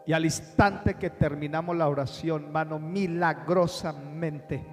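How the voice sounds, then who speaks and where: A man with a Colombian accent, preaching a sermon with impassioned swings between slow, quiet lines and loud bursts. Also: a little high, fairly even intonation. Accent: Colombian Spanish. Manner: impassioned preaching, dramatic slowdowns, sudden rises in volume. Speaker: pastor. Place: large church sanctuary. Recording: long hall reverb with faint music.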